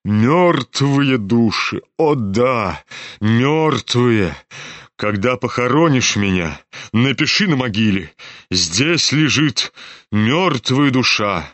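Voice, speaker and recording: A man voicing a tearful, rambling old general in disgrace, talking slowly and grandly. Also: mid-range voice, expressive, a bit bright, no room sound. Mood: mournful. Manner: slow, mournful, grandiloquent.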